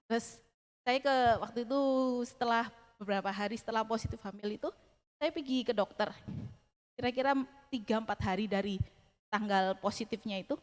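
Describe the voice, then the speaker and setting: Young woman telling her church testimony, earnest and stop-start, lots of ums, higher voice, big echoey hall. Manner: earnest, halting with many fillers and restarts. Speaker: church member giving testimony. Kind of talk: personal testimony. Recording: long reverb of a large hall.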